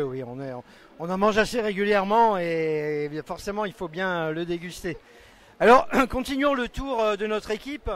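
A man in his forties with a fairly high voice hosts a live stream at a crowded trade stand. He explains fluently and at length, holding a handheld mic in a big indoor exhibition hall. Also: a bit bright. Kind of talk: live event interview and explanation.

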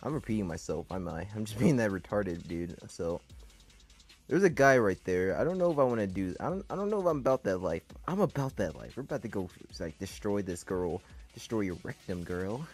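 A young man casually commentating a game, rambling and excitable with crude jokes. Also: fairly low pitch, a little fast, husky, faint music behind. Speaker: gameplay commentator.

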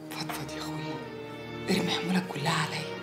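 A woman's voice: deep voice, fast, reverberant, over loud music, lightly acted. An actress playing a doting, nosy woman who coaxes a man to open up, speaking expressively with an Egyptian accent. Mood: coaxing. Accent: Egyptian Arabic. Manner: coaxing, expressive.

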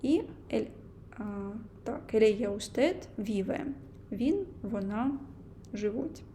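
A young woman teaching a language lesson, explaining grammar slowly and carefully, with frequent hesitations. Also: a little high, expressive, warm tone, a little hiss or hum.

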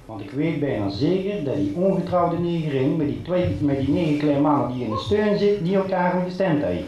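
A man's voice: fairly high pitch, lively intonation, fairly quick, lo-fi sound. A man performing a carnival stand-up monologue, chatty and punchline-driven, telling local jokes. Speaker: carnival comedian. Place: large hall before a live audience. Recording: echoey hall with loud crowd laughter.

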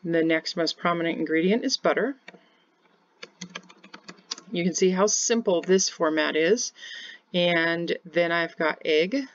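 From her home, a Kansas woman in her forties who teaches home bakery business gives a plain, step-by-step screen-share tutorial, recorded on a webcam in the corner of the screen share. Her lowish voice moves at a measured pace with frequent pauses, and the recording sounds muffled.

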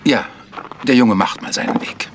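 In a German radio mystery, a male actor plays a protective, proud village organ teacher, earnest and measured. His medium-pitched voice sounds close to everyday speech, set against a noisy background.

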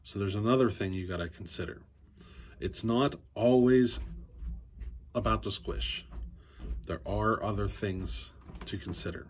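With a low-leaning voice, an unhurried pace and frequent pauses, a forty-something man explains chainsaw work in his basement workshop. He speaks easily to a close phone camera, musing aloud with fillers and restarts, over a faint hiss or hum.

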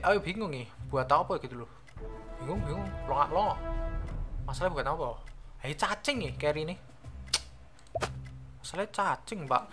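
A young Javanese-accented man with a fairly high voice, muttering and joking his way through a strategy game. He talks in a loose, playful run, repeating words to himself in a sing-song way. Game music plays clearly behind him the whole time. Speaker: gaming channel host. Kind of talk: casual gameplay commentary.

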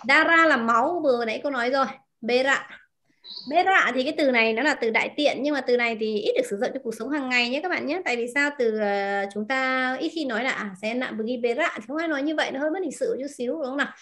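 A woman teaching a language class, repeating words slowly and asking her students questions. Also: sits high, pushed and bright. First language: Vietnamese. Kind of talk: explaining vocabulary to a class.

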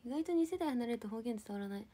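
A woman's voice: fairly high pitch, animated, fast, warm tone. A young woman from Japan casually chatting with viewers on a livestream, playful and giggly as she answers comments. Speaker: live streamer.

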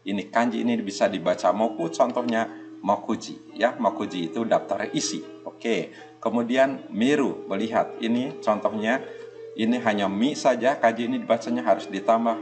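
A man teaching a Japanese kanji lesson. He speaks patiently, repeats small checks and gives a soft laugh now and then. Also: fairly low pitch. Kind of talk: online language lesson.

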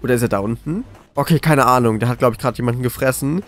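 A man commentating live on a horror game as a scared, jittery streamer, excitable and often repeating words. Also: medium pitch, fast talker, soft background music. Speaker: gaming video creator.

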